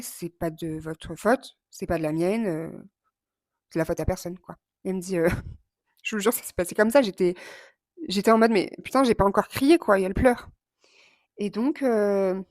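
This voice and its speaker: Animated woman telling a story. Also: medium pitch, no echo, clean studio sound. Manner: animated, impulsive, swears and mimics others. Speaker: vlogger. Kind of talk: casual storytelling vlog.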